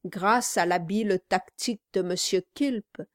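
A woman narrating a classic novel as an audiobook, in slow, measured storytelling. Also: mid-range voice, no room sound, clean studio sound. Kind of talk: scripted narration.

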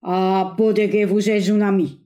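A woman voicing a blustering older general who speaks French with a put-on Spanish accent, loud and gruff. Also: medium pitch, flat delivery, unhurried, natural voice. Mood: relieved. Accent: Spanish-tinged French, put on. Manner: loud, raised voice.

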